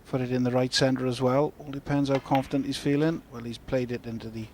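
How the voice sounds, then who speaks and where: A man giving measured, understated live snooker commentary. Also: medium pitch, little pitch movement, darkish tone. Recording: crowd and noise behind, broadcast arena. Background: snooker arena crowd, clicking balls.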